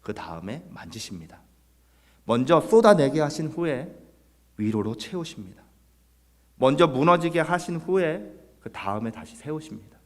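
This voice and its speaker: A man's voice: a little high, big pitch swings, normal speed, in a large hall. A man preaching a Sunday sermon as pastor, earnest, putting rhetorical questions to his congregation. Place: church sanctuary.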